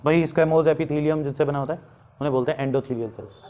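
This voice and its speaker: A man's voice: on the high side, fairly even intonation, dark tone. Man lecturing, answering his own questions. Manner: asks rhetorical questions and answers himself, repeats key terms slowly. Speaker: biology teacher. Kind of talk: classroom lecture.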